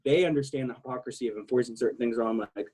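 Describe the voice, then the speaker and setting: A man's voice: medium pitch, rapid-fire, a little mellow, husky, low-quality recording. A man from South Texas talking casually as a podcast guest, candid and rambling, swearing freely. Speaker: guest, military veteran.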